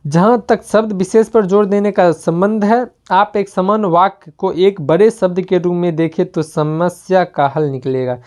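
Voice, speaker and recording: A woman reading a self-help book aloud in a steady manner, with small slips and restarts. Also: fairly low pitch, measured pace, hardly any pauses. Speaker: book reader.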